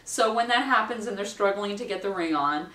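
Brief: woman in her forties, wedding minister coaching new officiants, chatty and practical, mid pitch, captured from a distance in an echoey home room. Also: animated, fairly quick. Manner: chatty, practical, acts out quotes with a bright lilt. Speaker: wedding minister giving training. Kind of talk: instructional talk to camera. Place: small room at home, indoors. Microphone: camera mic at a distance. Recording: roomy, distant camera sound.

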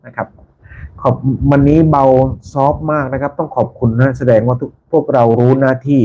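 A man hosting a casual live stream for his followers, talking politely and repeating himself, with soft polite particles at the ends of his phrases. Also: mid-range voice, fairly even intonation, fairly quick. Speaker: channel host. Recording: dull lo-fi sound with faint background noise.

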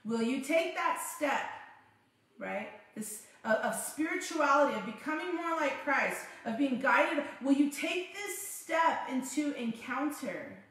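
A woman's voice: high voice, expressive, unhurried, a bit bright. A woman pastor preaching a fervent sermon, repeating phrases for emphasis. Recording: very echoey room.

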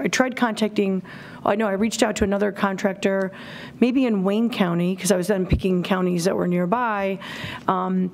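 A woman's voice: medium pitch, creaky, a little mellow, slight background noise. A middle-aged woman presenting findings at a public town committee meeting, speaking plainly and informally, recorded on a desk microphone in a town hall auditorium. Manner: plain, informal, many fillers. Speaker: town services director leading a committee meeting.

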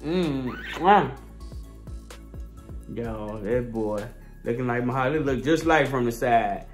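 A vlog host with a medium-pitched voice coos at and teases a baby in playful baby talk, then addresses viewers head-on in this casual family video shot at home. He takes his time speaking, and faint music sits in the background.

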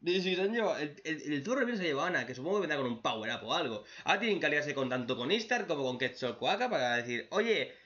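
Man, casual mocking rant, highish voice, dull lo-fi recording. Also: very animated, racing, few pauses, a bit bright. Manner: profane, mocking, acts out characters in shrill high voices. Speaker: anime reaction youtuber. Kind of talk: casual anime recap and rant.

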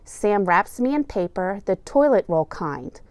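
With a medium-pitched voice and no echo in the recording, a middle-aged teacher reads a kids' picture book aloud. She tells the story in a deliberate, expressive way.

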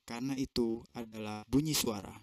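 A man interprets a seminar phrase by phrase over a video call, in a dry, close sound. He fills pauses and corrects himself mid-phrase as he translates. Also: mid-range voice, steady tone, dry recording. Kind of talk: consecutive interpretation.

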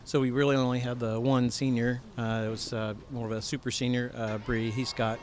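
A middle-aged man, a head coach, speaking in a post-game interview at a bowling alley, halting with many fillers and restarts. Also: medium pitch, level tone, a little hiss or hum. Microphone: handheld microphone.

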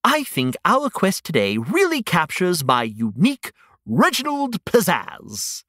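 An excitable hedgehog art student from a children's storybook podcast, acted out by a man. The delivery is grand and dramatic, with key words stretched out and pitch swinging wildly. The recording is close and dry. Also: a little slow, no echo, full character voice. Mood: proudly excited. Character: excitable, theatrical male hedgehog, earnest young art student.

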